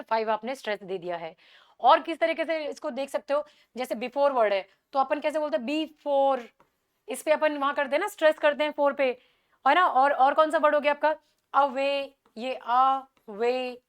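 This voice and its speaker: A woman teaching English poetry in an exam-prep lecture, explaining patiently and checking in often, and slowing down to recite example lines. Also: high-pitched, clean tone. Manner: slows down to recite poem lines.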